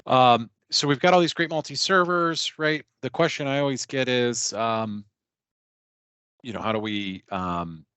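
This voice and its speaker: A man's voice: mid-range voice, unhurried, a bit bright, clean tone, no room sound. A man hosting a product webinar in a casual, hesitant way, with many fillers and "right?" tags. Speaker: webinar host.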